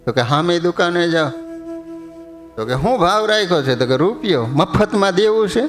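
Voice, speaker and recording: Male preacher, high voice, storytelling sermon, faint music behind. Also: expressive. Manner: storytelling, quotes verses in slow chant. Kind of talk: sermon with humorous stories.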